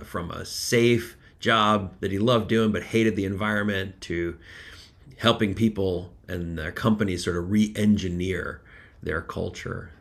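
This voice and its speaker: A man's voice: fairly low pitch, vocal fry, a bit bright. A man co-hosting a podcast, introducing the episode with dry humor. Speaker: podcast co-host.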